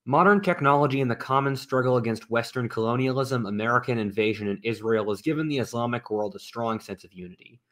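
A man narrating a scripted video essay in a measured, opinionated way, played inside another video. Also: medium pitch.

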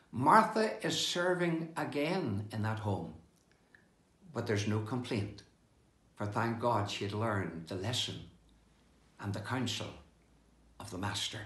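An older man preaching a devotional sermon indoors, with slow, emphatic delivery that rises and falls. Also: medium pitch, a bit bright, echoey room. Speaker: pastor. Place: indoor room with bookshelves, seated with open Bible.

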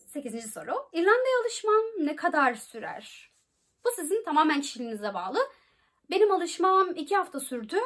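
A woman's voice: sits high, fairly bright tone. A young woman from Turkey answering viewer questions in a casual vlog, chatty and often correcting herself mid-sentence. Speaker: vlogger.

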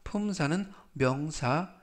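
A man with a slightly high voice teaches English words at a very unhurried pace. He stretches each word out and repeats the same explanatory phrases for every entry. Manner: drawn-out word-by-word pronunciation, formulaic explanations. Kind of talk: slow scripted vocabulary lesson.

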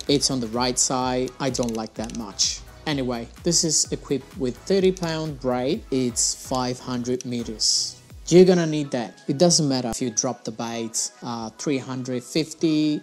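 A young man hosting his fishing channel, talking casually through his gear at a desk in a small room on a lapel mic, with slightly phrasing. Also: mid-range voice. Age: young adult. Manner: casual, chatty, slightly non-native phrasing. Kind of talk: gear review vlog.

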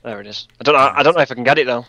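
A man with a bright, edgy tone cracks dry jokes while he plays a game with friends. His talk is offhand and casual. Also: mid-range voice, racing, no room sound. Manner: dry, wisecracking. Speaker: game player. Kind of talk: casual multiplayer game chat.

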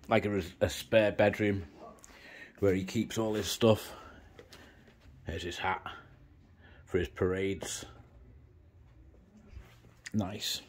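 A man, talking casually as he films a tour of a small rented house, rambling and explaining as he goes. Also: fairly low pitch. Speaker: travel vlogger giving a house tour. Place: outdoors on a house terrace and indoors in small rooms. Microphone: handheld phone camera.

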